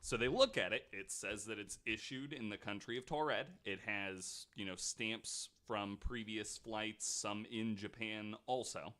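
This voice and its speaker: Speaking in a lowish, bright, forceful voice, this man hosts a podcast and spins a story unhurriedly with few pauses. He keeps it casual and chatty, leaning on plenty of "likes" and an occasional mild swear.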